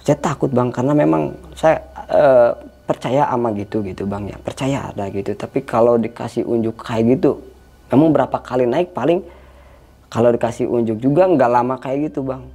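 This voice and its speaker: Gravelly-voiced man telling a scary story. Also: medium pitch, normal speed, mellow. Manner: tense, imitates eerie sounds, addresses listener as Bang. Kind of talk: casual storytelling.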